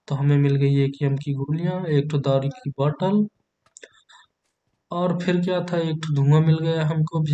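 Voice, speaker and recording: Here a young man running a gaming channel cracks crude jokes with his teammates while commentating his gameplay for laughs. The voice is slightly high and mellow, and the highs sound cut off.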